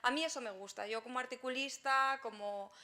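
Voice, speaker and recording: A woman columnist speaking as a panelist in a round-table debate, halting, with many restarts. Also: fairly high pitch, bright, forceful tone.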